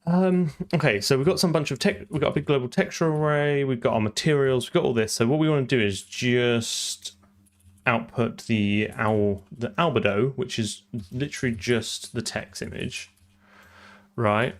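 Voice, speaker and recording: A man's voice: medium pitch, moderate pace. A man live-streaming his programming, talking through code and answering chat, often trailing off and repeating words.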